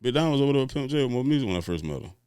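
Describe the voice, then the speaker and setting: Rapid-fire and sing-song, this Orlando, Florida man in his forties chats casually as a DJ guest, restarting as he thinks aloud. His medium-pitched voice is darkish, clear and resonant, recorded dry in a clean studio.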